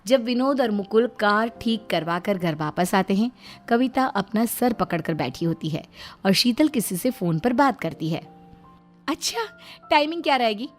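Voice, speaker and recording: A woman narrating a cartoon family story in an even, storytelling manner. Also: mid-range voice, normal speed, faint music behind.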